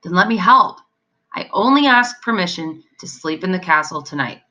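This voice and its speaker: A fearless young soldier talks in an easy, unruffled way, as a woman reading a storybook plays him. Bright and a bit low, in the reader's own voice. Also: normal speed, slight background noise, low-quality recording. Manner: calm, casual, self-assured. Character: brave, cool-headed young male soldier.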